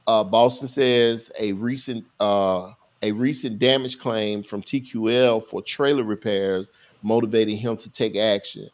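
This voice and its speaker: A man's voice: medium pitch, a little mellow. A man co-hosting a casual talk show, reading a news item aloud and then commenting on it. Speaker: podcast co-host. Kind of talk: casual chat.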